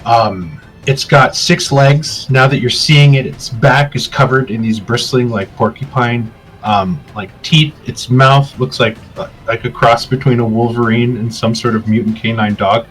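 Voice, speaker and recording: A man narrating a tabletop game as game master, describing scenes in a relaxed way with filler ums. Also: mid-range voice, measured pace, hardly any pauses, poor audio.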